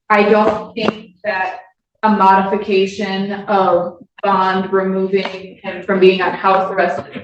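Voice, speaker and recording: A woman prosecutor arguing in a formal, measured way, heard on a courtroom recording. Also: mid-range voice, a little hiss or hum. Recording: echoey, distant, dull courtroom audio.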